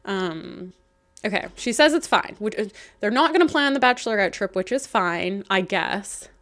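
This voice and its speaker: A woman casually reading stories aloud and breaking in with chatty, animated asides to the viewer. She sounds slightly croaky. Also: mid-range voice, normal speed. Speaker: host reading and reacting to online stories.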